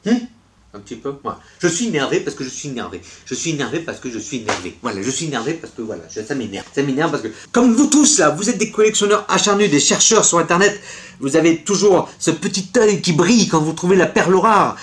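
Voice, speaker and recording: A man's voice: fairly high pitch, expressive, fast, a bit bright. A man ranting in a casual vlog, exasperated and repeating his words. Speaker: collector vlogger.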